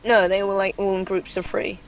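A young woman chatting excitably as she hosts a casual gameplay let's play. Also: medium pitch, a little fast. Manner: chatty, excitable, sing-song chanting. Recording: dull lo-fi mic.

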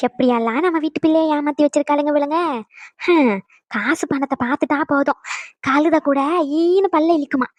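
A woman's voice: high voice, brisk, darkish tone, no room sound, muffled recording, close to an everyday voice. A woman voicing a scornful old grandmother. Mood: taunting. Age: older. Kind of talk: cartoon voice acting.

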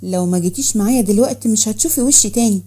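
Blunt scornful Egyptian man as a woman reads him, husky, quick, mellow, storybook. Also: mid-range voice, close to an everyday voice. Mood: contemptuous. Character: hot-tempered young man, blunt and scornful. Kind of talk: storybook narration.

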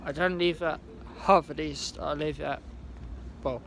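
Slow rambling young man on a platform. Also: a little high, steady tone, gravelly, fairly bright tone, slight background noise. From England. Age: young adult. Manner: rambling, halting, with many restarts and fillers. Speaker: trainspotting vlogger. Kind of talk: casual handheld vlog. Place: outdoor railway station platform. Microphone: phone held at arm's length.

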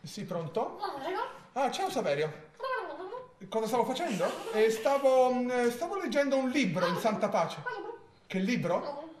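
A vain, prissy, melodramatic fusspot in a live stage monologue, his pitch swooping wildly up and down. The sound rings around an echoey theatre, with a crowd laughing along behind him. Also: big pitch swings, a little slow, pauses often, exaggerated voice. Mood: wry. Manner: theatrical, prissy, prone to sudden outbursts. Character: vain, fussy, melodramatic man alone at home. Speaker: stage actor. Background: audience laughing.

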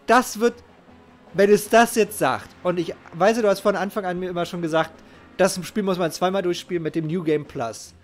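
A middle-aged man with a high-pitched, steady-toned voice comments casually on a game he's streaming live, speaking at a moderate pace. He sounds emphatic and invested, repeating his phrases. The recording is from an indoor home setup through a close headset mic, with game music in the background.

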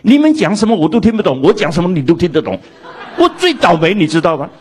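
A man's voice: mid-range voice, wildly swooping pitch, moderate pace, a little mellow, slight background noise. A man putting on the voice of a self-pitying Englishman who whines that everyone else can understand him. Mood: aggrieved. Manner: exasperated, whining complaint. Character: grumbling middle-aged Englishman, self-pitying.

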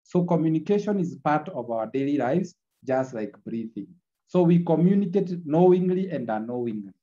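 A man gives an online lecture, captured in a screen recording of the video call. His voice is dark and mellow, and the audio is muffled and lo-fi. He repeats key lines and keeps checking in with the class. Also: fairly high pitch, lively intonation, normal speed. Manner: repetitive, checks in with tag "eh?".

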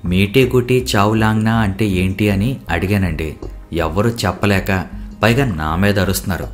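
A man reading the part of a proud, eager young woman who talks in a lively, insistent way. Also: lowish voice, moderate pace, faint music behind, lightly acted.

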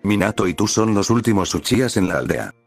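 A man's voice: fairly low pitch, expressive, a little fast, vocal fry, breathy edge, no echo, soft background music, exaggerated voice. A man reading the lines of a blunt, bossy female village leader in a fan story, with no change from his own voice. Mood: brisk.

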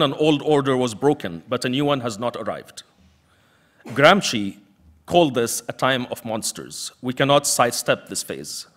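Guy from the emirates giving a lecture, forceful, repeats lines for effect, middle pitch. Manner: emphatic, rhetorical repetition. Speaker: panel speaker, activist. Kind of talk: prepared lecture speech.

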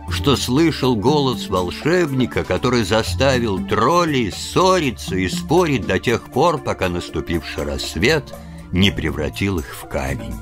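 A man reading a fairy-tale audiobook aloud with expressive storytelling. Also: lowish voice. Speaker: audiobook reader. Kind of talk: audiobook narration.

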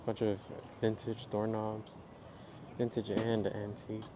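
A man with a fairly low voice gives a relaxed, chatty commentary while walking an outdoor flea market. His camera mic catches plenty of market noise around him. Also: unhurried. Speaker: vlogger. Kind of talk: casual vlog narration.

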